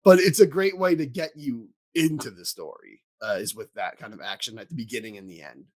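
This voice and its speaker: A man's voice: mid-range voice, a little fast, darkish tone. A man hosting a podcast in casual chat, rambling with lots of fillers and restarts. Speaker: podcast host.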